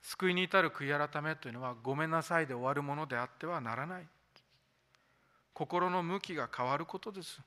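A man's voice: fairly high pitch, brisk, pushed and bright. A pastor delivering a sermon, stressing key points by repeating them and putting rhetorical questions to his listeners. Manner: asks the congregation rhetorical questions. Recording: long hall reverb.

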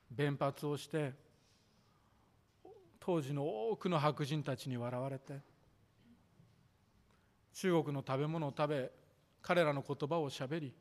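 A man preaching a sermon as pastor, measured and formal, drawing out the ends of his sentences. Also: fairly high pitch. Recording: echoey hall reverb.

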